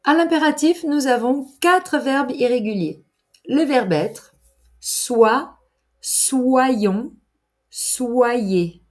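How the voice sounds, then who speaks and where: A woman teaching grammar in a clear, deliberate lesson voice, pausing for exercises. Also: sits high, expressive. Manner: deliberate, articulated teacher's delivery with pauses for exercises. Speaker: French teacher.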